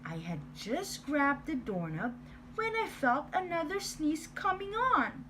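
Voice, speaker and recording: A woman's voice: high-pitched, very animated, measured pace, a bit bright, slight background noise, heavily acted, low-quality recording. A woman voicing a sly male wolf who tells his own side of a storybook tale in a playful, exaggerated way. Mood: self-justifying. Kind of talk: storybook reading.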